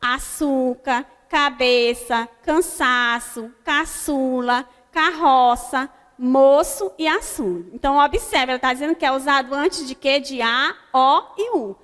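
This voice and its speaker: A Brazilian primary school teacher records an online grammar lesson for young pupils, speaking in a high, bright voice. She dictates example words slowly and deliberately, one by one, checking in often with "né?". Her voice echoes and trails off in a long hall.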